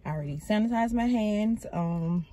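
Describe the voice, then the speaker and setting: A woman's voice: medium pitch, moderate pace, mellow. A woman chatting casually to her viewers as a vlogger, calling them y'all while talking into her phone camera in a car. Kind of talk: casual vlog chat.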